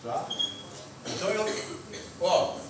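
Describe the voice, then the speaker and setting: A man's voice: high voice, expressive, slow, distant mic. A man teaching a university class, explaining step by step as he draws and asking his students questions. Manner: explains step by step while drawing on the board, asks the class questions. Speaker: university lecturer. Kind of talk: classroom lecture. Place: lecture hall. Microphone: recorder far off in the room. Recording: echoey hall recorded from afar, noisy.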